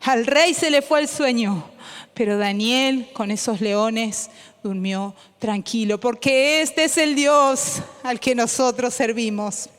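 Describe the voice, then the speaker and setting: Woman preacher, slow and emphatic delivery, echoey church sanctuary sound. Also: a little high. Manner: slow, emphatic repetition, rising into fervent prayer. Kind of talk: sermon. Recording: long echoey church hall reverb.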